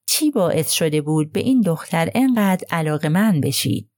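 A woman voicing a gentle male detective who murmurs his questions softly. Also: sits low, lively intonation, no echo, studio quality.

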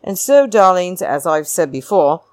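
In a slow, sing-song, theatrical way, this podcast host stretches out important words while recapping a reality show and addressing her audience as darlings. Her voice is low, her opinions blunt, and the monologue chatty, recorded close-up and dry.

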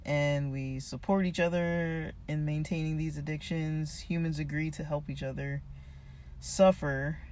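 Slow, halting speaker with a voice giving out. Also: mid-range voice, steady tone, darkish tone. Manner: hesitant, halting, thinking aloud. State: losing voice, voice giving out. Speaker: reader discussing a self-help book. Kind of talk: casual unscripted book reflection.

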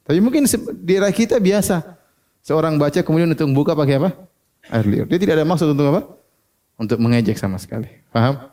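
A man's voice: fairly high pitch, lively intonation, fast talker, mellow. A man giving a religious lecture, who keeps asking his listeners questions and answering them himself. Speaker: Islamic preacher.

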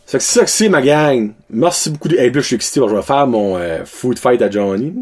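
A man's voice: medium pitch, animated, brisk, darkish tone. A man in his thirties with a Québécois French accent, casually chatting to his followers in a loose, slangy way and mixing in English words. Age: 30s. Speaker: vlogger.

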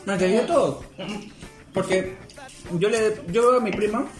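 High-voiced animated guy. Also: normal speed, echoey room, faint music behind. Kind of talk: casual chat.

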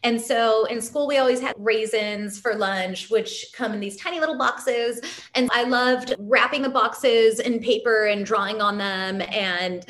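A woman with a slightly high, somewhat bright voice speaks at a measured pace. A Californian who immigrated to the United States at age four, she appears as a guest in a casual interview, candidly and reflectively explaining her ideas as a spiritual teacher.

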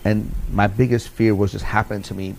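A man's voice: lowish voice, flat delivery, a little fast, darkish tone, slight background noise. A middle-aged man in an interview, telling a personal story in a rambling way with many fillers and repeats. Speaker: interview guest.

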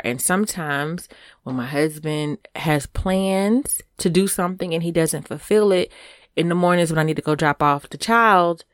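Her voice sits low, captured in clean studio sound with no echo. She's a woman in her thirties co-hosting a podcast, chatting casually, frank and emphatic, frequently adding "right?".

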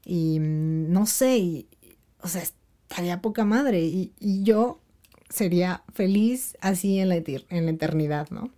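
A woman's voice: lowish voice, measured pace, warm tone. A woman with a Mexican accent chatting casually to her viewers, rambling through slangy phrases with many fillers and little laughs. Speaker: vlogger.

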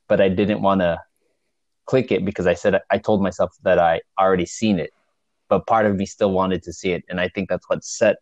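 Low-voiced man telling a story haltingly. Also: a little mellow, no echo. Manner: halting, frequent restarts and chuckles. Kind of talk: casual spoken storytelling. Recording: dull lo-fi dry recording.

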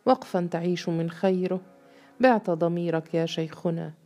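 A man's voice: on the high side, normal speed, mellow, soft background music, lightly acted. A woman voicing a young man who angrily accuses a sheikh, speaking in a bitter, accusing way. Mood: bitter anger.

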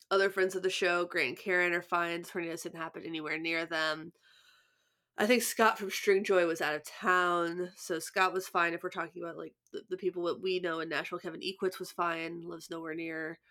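Her voice is lowish and sharp-toned: a young adult podcast co-host who chats loosely and rambles through anecdotes with frequent restarts. She's clearly stuffed up, with audible sniffles.

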